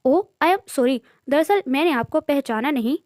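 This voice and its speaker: A woman's voice: sits high, animated, unhurried, darkish tone, no echo, clean studio sound. A woman narrator voicing Shifa, a shy, reserved young woman.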